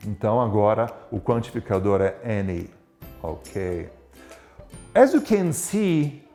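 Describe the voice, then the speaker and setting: A man teaching an English lesson, explaining lively and asking himself rhetorical questions as he goes. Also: medium pitch. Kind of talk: recorded English lesson for students.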